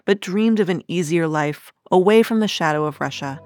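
A woman host reading a scripted podcast narration in a measured, even manner. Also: fairly low pitch, faint music behind.

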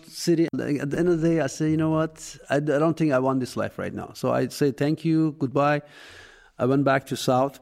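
A man's voice: mid-range voice, creaky, a little mellow. Man telling his story. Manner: rambling, with restarts and self-corrections. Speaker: interviewee. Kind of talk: personal storytelling.

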